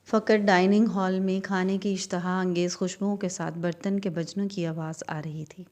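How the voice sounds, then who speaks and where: A woman reading a dramatic novel aloud in steady, dramatic storytelling narration. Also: fairly low pitch. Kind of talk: scripted audiobook narration.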